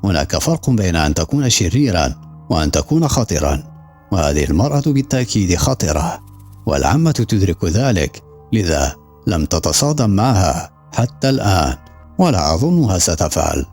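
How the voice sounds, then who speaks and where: A man's voice: deep voice, sing-song, a little fast, darkish tone, soft background music, heavily acted. A man doing a perceptive, reflective woman.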